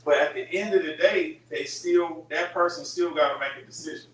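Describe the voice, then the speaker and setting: A man with a high-pitched voice leads a group Bible study, explaining points in an emphatic, chatty manner and often checking that his listeners follow. He sounds some way from the mic, in a very echoey room. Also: normal speed, fairly bright tone, distant mic, a little hiss or hum.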